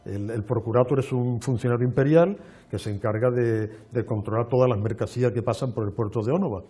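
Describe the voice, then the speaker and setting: A man, a guest explaining in a measured, lecturing way with frequent restarts on a television show. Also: medium pitch, dark tone, husky. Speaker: archaeologist guest. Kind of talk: explanatory interview talk. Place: television studio.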